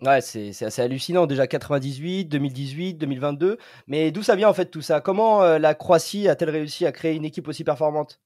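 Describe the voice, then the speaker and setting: A man's voice: a little high, fast talker, few pauses, a little mellow, dry recording, studio quality. A man with a French accent hosting a football podcast, leading the talk and handing over to his columnists. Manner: leads the talk, hands over to guests. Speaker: podcast host.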